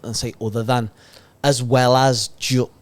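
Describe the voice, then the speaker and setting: A man's voice: medium pitch, little pitch movement, a little slow, dry recording. A man who is a father of two co-hosts a podcast in casual chat. He is jokey and laughs easily. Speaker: podcast co-host, wedding videographer.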